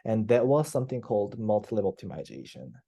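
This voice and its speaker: Over a headset video call from his office, a South Korean PhD student in his 20s chats casually as an interview guest, laughing readily and full of fillers and restarts. His accented voice is low and dark in tone, very animated and fast.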